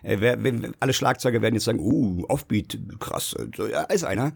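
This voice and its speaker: A man's voice: medium pitch, very fast, gravelly. A man co-hosting a podcast in casual, slangy chat, rambling a little with fillers. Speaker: podcast co-host.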